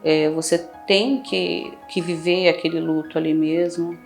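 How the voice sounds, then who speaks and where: A woman's voice: lowish voice, fairly even intonation, measured pace, gravelly, soft background music. A mother in her thirties, interviewed for a documentary, speaking in a frank, reflective way. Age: 30s.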